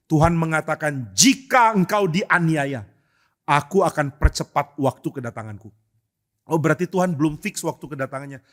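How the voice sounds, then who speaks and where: A male pastor preaching a sermon in church, asking rhetorical questions and acting out quotes with emphasis. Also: fairly high pitch.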